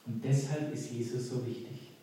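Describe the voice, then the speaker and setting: A man delivers a sermon in a mellow, darker voice. He speaks earnestly and conversationally, slipping into little acted quotes. He is heard from some way off in a very echoey hall with faint room noise behind. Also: medium pitch, fairly even intonation, moderate pace. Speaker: preacher. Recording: echoey hall, voice picked up from a distance.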